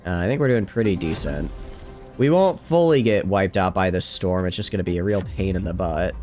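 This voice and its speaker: A man streaming a strategy game late at night at home, talking quietly in a rambling, self-joking way. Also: deep voice, fairly quick, soft background music. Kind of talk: casual gameplay commentary.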